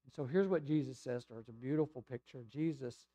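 A man preaching a sermon, telling a Bible story in an animated way, acting out quoted voices and laughing now and then. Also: medium pitch, fast talker. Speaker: pastor. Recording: church sermon audio.

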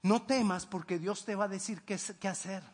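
A man delivers a sermon with a strikingly high, slightly husky voice. He swings between emphatic, raised declarations and hushed, intimate asides, like a pastor working the congregation. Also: normal speed.

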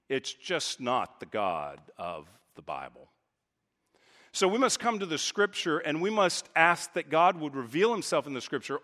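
Emphatic preaching man in a big hall. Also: a bit bright. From Texas. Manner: preaching with emphatic swings in pitch and volume. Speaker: pastor. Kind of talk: sermon. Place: church sanctuary. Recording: reverberant church hall.

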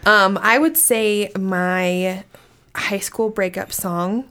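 A woman's voice: medium pitch, steady tone, slow, a bit bright. A young woman co-hosting a faith podcast, chatty and bubbly with lots of fillers. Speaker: podcast co-host. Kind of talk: casual chat.

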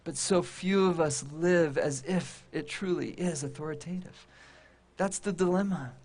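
A man preaching a sermon to a congregation, with emphatic, repetitive phrasing and dramatic pauses. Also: a little high, a little mellow. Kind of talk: sermon to a congregation and online audience.

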